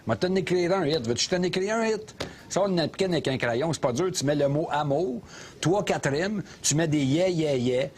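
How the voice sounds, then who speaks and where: An actor with a Québécois accent playing a loud, opinionated middle-aged taxi driver who rants and mocks sarcastically, in a comedy sketch filmed inside a cab. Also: male voice, on the high side, animated, normal speed, a little hiss or hum, lightly acted. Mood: ranting. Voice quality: sarcastic ranting, mocking.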